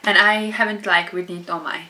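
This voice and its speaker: Bright-voiced Norwegian young woman vlogging. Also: medium pitch, steady tone, brisk. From Norway. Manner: chatty, rambling, many fillers and restarts. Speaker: YouTuber. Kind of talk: casual vlog Q&A.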